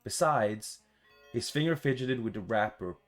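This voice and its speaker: A man reads a visual novel aloud for a gaming video in a medium-pitched voice at a moderate pace, with soft background music. He's casual, expressive and sweary, mixing in his own playful reactions.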